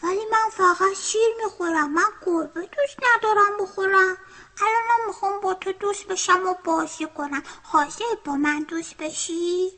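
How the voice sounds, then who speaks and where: A woman's voice: extremely high pitch, steady tone, bright, forceful tone, voice pushed up. A woman voicing a playful, innocent young girl puppy in a children's story, eager to make friends. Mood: eager friendly.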